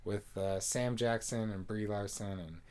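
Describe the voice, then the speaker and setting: A man's voice: on the low side, steady tone, a little slow, darkish tone. A man co-hosting a casual movie review chat, rambling with lots of fillers and frequent laughs. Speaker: co-host of a movie review show. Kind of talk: casual conversational film review.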